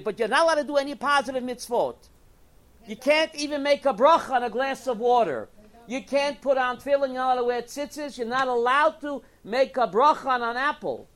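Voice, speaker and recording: A man teaching a religious class, animated, repeating his points and asking and answering his own questions. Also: extremely high pitch.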